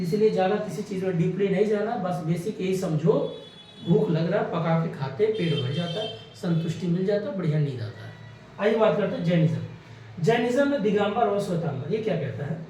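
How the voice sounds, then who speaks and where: A man's voice: sits high, mellow, far from the mic, a little hiss or hum. A man, teaching an exam-prep class in a chatty style, repeating key words and asking rhetorical questions. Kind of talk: classroom lecture. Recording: echoey room, voice from off-mic.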